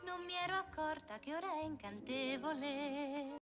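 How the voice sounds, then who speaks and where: A woman singing a gentle young heroine's song in a light, youthful voice in a dubbed animated film. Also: sits high, moderate pace. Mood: wondering. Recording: film song clip under loud music. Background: loud orchestral music.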